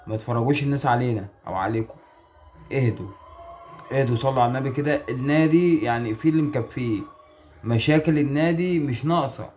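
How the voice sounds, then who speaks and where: A man's voice: medium pitch, a little mellow, slight background noise. A man with an Egyptian accent giving casual video commentary, exasperated and pleading, firing off rhetorical questions. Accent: Egyptian Arabic. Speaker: online sports commentator.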